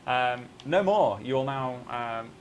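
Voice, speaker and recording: A man presenting a live game-update broadcast, relaxed and explaining with fillers. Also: mid-range voice, drawn-out words, lo-fi sound, slight background noise.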